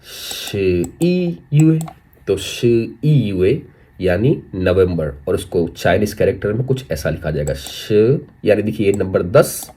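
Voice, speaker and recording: A young man teaching Chinese vocabulary, repeating each word slowly several times and drawing out the syllables, checking in with viewers as friends. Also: lowish voice, warm tone, slightly rough. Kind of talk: slow spoken language lesson.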